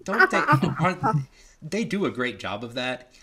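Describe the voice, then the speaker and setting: A man's voice: on the high side, huge pitch swings, unhurried, a crowd in the background. Man doing a chatty hobgoblin boss. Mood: put-out. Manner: chatty, mock-polite menace. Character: smug hobgoblin camp boss, male adult.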